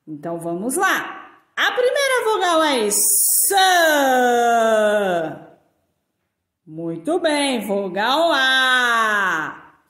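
A very animated Brazilian teacher with a high, sharp-toned voice and a Brazilian Portuguese accent walks young children through a lesson. She elongates her syllables in a slow, sing-song manner, and the room echoes.

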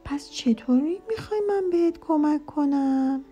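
A woman voicing a gentle, mysterious voice that speaks out of the dark in a children's story. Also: sits high, faint music behind, voice pushed up, natural voice.

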